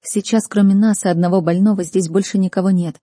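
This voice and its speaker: A woman's voice: medium pitch, steady tone, quick pace, warm tone, no echo, clean studio sound, natural voice. A woman voicing an anxious but commanding young female healer student, urgent and raised in a storybook reading.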